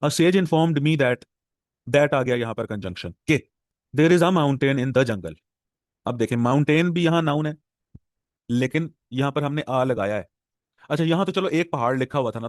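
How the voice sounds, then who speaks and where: A man with a Pakistani Urdu accent lecturing a class of exam students on translation, explaining patiently and repeating words slowly to drill them. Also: mid-range voice, lively intonation, dry recording, studio quality. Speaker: English professor lecturing exam aspirants.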